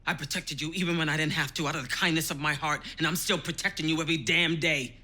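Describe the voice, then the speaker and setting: An actress playing a commanding, embittered woman in a TV drama, forceful and accusing in a low, husky voice. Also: fairly even intonation, fast talker. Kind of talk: TV drama acting. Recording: music behind the voice. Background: music.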